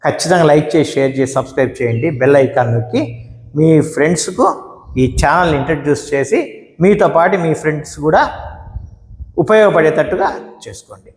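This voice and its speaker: A male English teacher with a Telugu accent, giving a lesson and drawing out example words slowly. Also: a little high. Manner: slow, drawn-out example words, explanatory. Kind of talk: classroom-style lesson. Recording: echoey room with long reverb.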